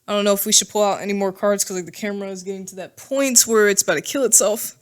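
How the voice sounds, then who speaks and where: A woman's voice: medium pitch, fairly even intonation, fast. A woman giving a casual spoken tarot reading into a microphone, reassuring and chatty, often checking in with "okay?" and "all right?". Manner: chatty and informal, with fillers and asides. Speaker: tarot reader.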